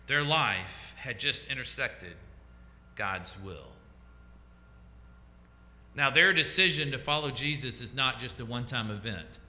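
Male pastor giving a sermon, really bright voice, slow deliberate lines that trail off soft, big echoey church. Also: medium pitch. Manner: slow, deliberate delivery that drops to a hush at phrase ends.

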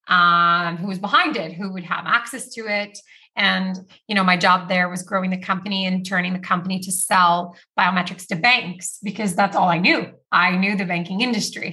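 Bright-voiced chatty woman guest. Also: fairly low pitch. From Brazil. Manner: chatty, uses "like" often, laughs between phrases. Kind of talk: casual interview talk.

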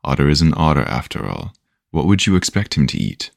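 A patient old storyteller with a wry, knowing way of explaining things, as a man reads him out in a very deep voice. He takes his time and lectures gently, close and dry with no room around him. The tone stays teasing but kind. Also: sing-song, a little fast, creaky, no echo, heavily acted.

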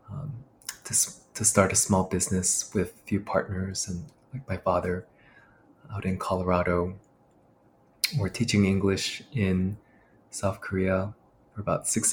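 A man's voice: on the low side, a little mellow, a little hiss or hum. A man who is a pastor and military chaplain, talking reflectively as a guest on an interview show.

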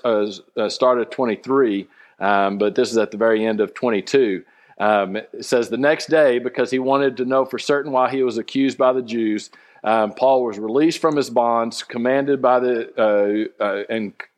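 Halting male Bible teacher. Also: mid-range voice. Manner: halting, many fillers, reads scripture aloud.

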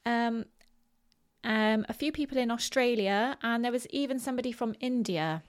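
A woman's voice: fairly high pitch, normal speed. A woman from Bristol with a West Country English accent, hosting a podcast solo in a chatty, informal, hesitant way full of ums. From Bristol, southwest England. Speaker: podcast host. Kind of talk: casual solo podcast talk.

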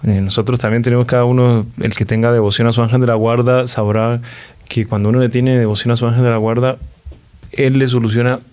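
A man's voice: mid-range voice, flat delivery, fast talker, a little mellow. A man hosting a religious podcast, reflecting earnestly on faith and addressing his listeners directly. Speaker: podcast host.

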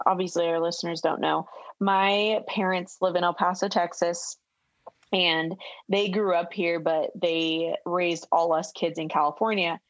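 Low-voiced woman, dull dry sound. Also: flat delivery, dry recording. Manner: easygoing, reactive, quick to laugh along. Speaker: podcast co-host. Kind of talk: casual chat.

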